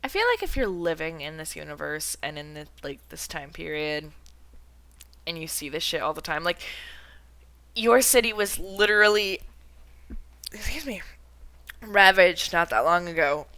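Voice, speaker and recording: A woman's voice: low voice, lively intonation, moderate pace, pushed and bright. Rambling, swearing woman game streamer. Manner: rambling, filler-heavy, swears freely. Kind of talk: casual gameplay commentary. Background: game music.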